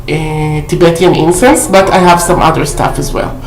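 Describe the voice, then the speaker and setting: A deep-voiced woman with fairly even intonation chats at a normal speed while showing off a shopping haul for her vlog. She's casual and full of fillers, often checking in with "okay?", and the room at home gives the recording a roomy echo.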